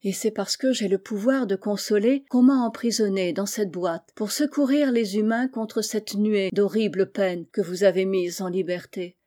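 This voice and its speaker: A woman's voice: mid-range voice, normal speed, few pauses, dark tone, close to an everyday voice. A woman reading an audiobook voices a tiny winged fairy spirit with a sweet, coaxing manner. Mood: gentle.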